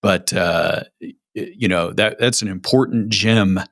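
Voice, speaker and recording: A man's voice: low-pitched, unhurried, vocal fry, a bit bright, dry recording, studio quality. A man hosting a business podcast, reflecting on what his guest said and asking follow-up questions. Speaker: podcast host. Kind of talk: interview hosting.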